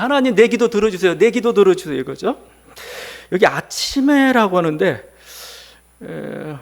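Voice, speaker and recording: A male pastor giving a conversational sermon, posing rhetorical questions to the congregation. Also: sits high.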